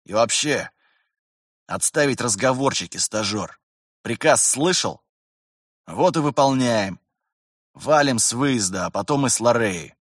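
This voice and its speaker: A man voicing a gruff, weary middle-aged officer who grumbles and lectures in curt phrases. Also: medium pitch, expressive, unhurried, pauses often, fairly bright tone, dry recording, studio quality. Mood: lecturing.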